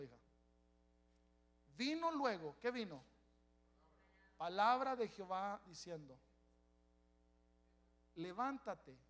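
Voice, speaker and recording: High-voiced preaching pastor, man. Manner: preaching with sudden loud calls for the church to repeat after him. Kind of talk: sermon.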